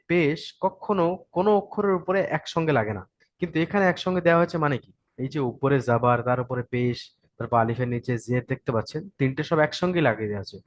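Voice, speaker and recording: A man's voice: fairly high pitch, no room sound. A man with a West Bengal Bengali accent teaching an online Quran reading class, patient and repeating each point to check his students follow.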